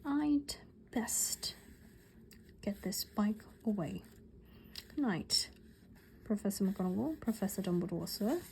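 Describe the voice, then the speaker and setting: A woman's voice: sits high, takes it slowly, vocal fry, dark tone, a little hiss or hum, exaggerated voice. A woman whispering as a tearful giant of a man, British accent. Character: huge tearful male half-giant groundskeeper. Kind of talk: whispered role-play.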